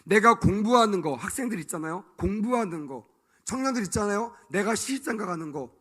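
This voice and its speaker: A man's voice: sits high, lively intonation, fairly quick, fairly bright tone, breathy edge. A male pastor preaching a sermon to young adults, emphatic, acting out quoted voices and calling for amens.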